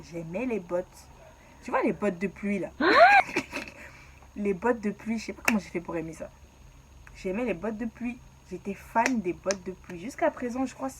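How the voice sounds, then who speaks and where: A young woman vlogger from the Ivory Coast telling a childhood story in a casual, lively way, laughing often and exaggerating playfully. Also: medium pitch, noisy background.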